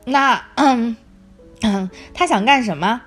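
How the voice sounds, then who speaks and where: A woman's voice: a little high, takes it slowly, breathy edge, faint music behind. A woman voicing a cheeky, blunt teenage boy in an audiobook reading, blurting and teasing. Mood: curious.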